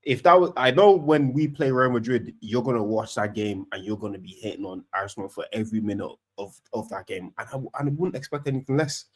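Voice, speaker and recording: Husky, fast-talking man in football banter. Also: lowish voice. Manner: animated, rambling with many restarts. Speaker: podcast co-host, Arsenal fan. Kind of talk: casual football chat.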